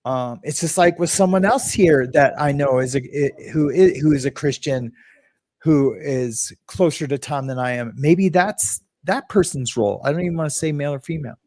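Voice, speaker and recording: Man, livestream host, slightly high voice, dry close sound, rambling and chatty. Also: normal speed, darkish tone, no room sound. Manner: rambling, greets chat viewers, frequent restarts and filler. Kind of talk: casual livestream commentary.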